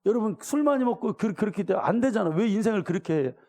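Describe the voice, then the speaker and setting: Gravelly, dark-voiced pastor preaching. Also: male voice, high-pitched, fast. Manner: colloquial, animated preaching with direct questions to the congregation; acts out voices of the people in the story. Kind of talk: sermon.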